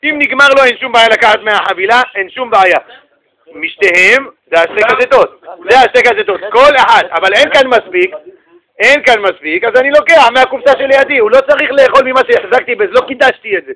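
A rabbi giving a lively, humorous religious lesson, telling stories and joking with his listeners. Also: very high-pitched, poor audio. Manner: animated, joking storyteller addressing the audience.

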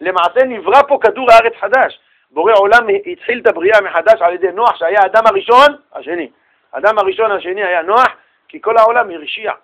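A man teaching a religious class, telling everyday stories with animated little acted-out exchanges. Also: sits high. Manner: animated storytelling, acts out little dialogues. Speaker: rabbi giving a Torah class.

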